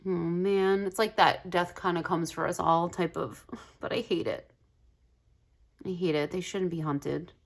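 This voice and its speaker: A woman casually flipping through a tarot deck on her channel, gushing and chatty, full of "like" fillers, with soft asides that drop to a whisper. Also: fairly low pitch, a little slow, gravelly. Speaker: tarot video creator.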